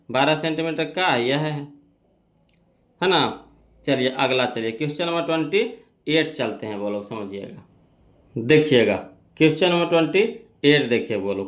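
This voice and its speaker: Man, math teacher, fairly high voice, step-by-step explaining, repeats himself. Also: a bit bright. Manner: explains step by step, asks and answers his own questions, repeats key phrases. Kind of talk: exam-prep math lesson.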